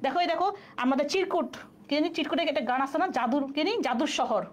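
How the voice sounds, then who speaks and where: A woman's voice: sits high, fast, slight background noise. A woman teaching a live online exam-prep class, explaining step by step and asking and answering her own questions.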